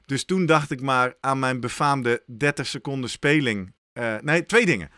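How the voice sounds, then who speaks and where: A man's voice: medium pitch, normal speed, bright, forceful tone, dry recording, studio quality. A man on a podcast telling a story in casual chat, animatedly acting out his own thoughts.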